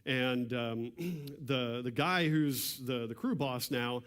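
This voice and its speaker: A man giving a public seminar talk in a church hall, conversational, often clearing his throat. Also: medium pitch, slow pace, a bit bright. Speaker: property tax presenter. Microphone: handheld or stand mic, cutting out at times.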